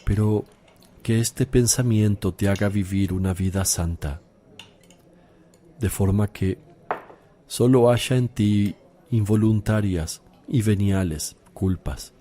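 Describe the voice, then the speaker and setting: An actor playing Jesus in a devotional radio drama, speaking as a gentle, solemn, sorrowful teacher. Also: male voice, on the low side, slight background noise. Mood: gently consoling. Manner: sweet, sad, solemn, deliberate.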